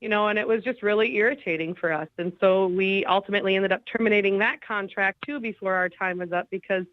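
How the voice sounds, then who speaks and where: A woman's voice: mid-range voice, fast talker, no room sound. Lady calling into a radio show, kinda muffled phone sound, talks plain and candid. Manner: plain, candid storytelling with hesitations. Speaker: caller, former client. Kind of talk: phone-in interview. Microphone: phone line.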